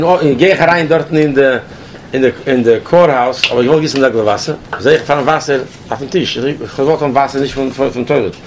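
A man telling a personal story in a casual, animated way, with many restarts and switches between languages. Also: fairly high pitch, slight background noise.

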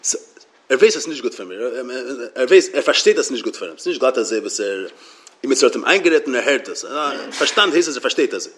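A man giving a Torah lecture as a religious teacher, halting and often repeating words as he restarts his sentences. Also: medium pitch, expressive.

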